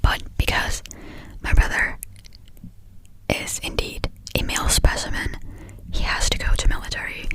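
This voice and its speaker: A young woman from Finland whispering a fast, scattered, casual ASMR ramble with breathy delivery and frequent hesitations while chewing gum. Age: young adult, about 18. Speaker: ASMR creator.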